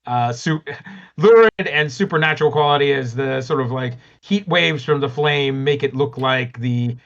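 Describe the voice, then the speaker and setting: A man's voice: mid-range voice, normal speed, a bit bright, lo-fi sound. A man narrating as game master of a tabletop game, hesitant with many fillers and chuckles.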